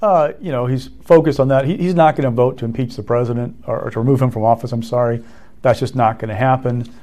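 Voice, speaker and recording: A man's voice: medium pitch, fairly even intonation, fast, warm tone. A male political reporter giving analysis on a talk show, explaining plainly and speeding up through lists.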